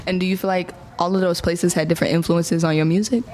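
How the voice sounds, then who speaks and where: A woman interviewer asking plain, measured questions and giving brief narration. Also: on the low side, steady tone, noisy background.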